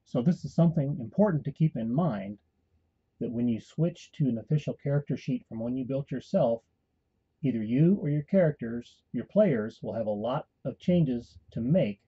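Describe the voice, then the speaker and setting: A man calmly giving a step-by-step voice-over tutorial for a tabletop game tool. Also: mid-range voice, moderate pace, husky, highs cut off. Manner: calm step-by-step instruction. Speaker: tutorial host and game master. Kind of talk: screen-recorded software tutorial.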